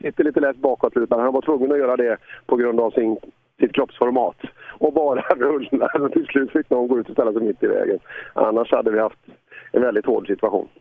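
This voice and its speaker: A man calls a rally stage live, talking casually and loosely, with dry asides about the cars rolling in. His voice sits at an ordinary male pitch. It comes through a tinny, phone-like line. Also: steady tone. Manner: chatty, dry humor. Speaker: rally commentator. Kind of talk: live sports commentary.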